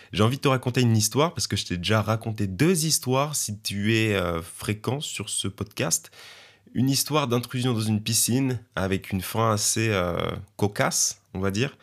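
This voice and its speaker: Young male podcast host, low-ish voice, loose rambling chat full of fillers. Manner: chatty, rambling, many fillers and restarts. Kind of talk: casual solo podcast monologue.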